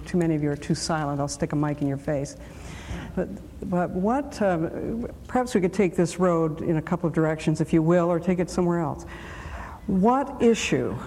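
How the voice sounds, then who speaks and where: Deliberate panel moderator in a reverberant hall. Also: mid-range voice, dark tone, a little hiss or hum. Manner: slow, deliberate questions with many restarts.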